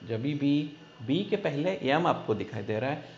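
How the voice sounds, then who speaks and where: A man with an Indian English accent teaching spoken English in a slow, repetitive classroom manner, mixing English and Hindi and often asking "understand?". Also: on the high side, expressive, a little mellow. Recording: echoey room, dull lo-fi sound.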